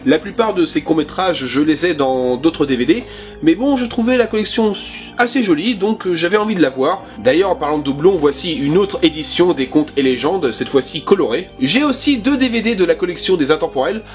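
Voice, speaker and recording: A man's voice: fairly high pitch, expressive, fairly quick, soft background music. A man chatting casually and with enthusiasm as he shows his film collection, with a few fillers. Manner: self-conscious about his English pronunciation. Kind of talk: casual presentation.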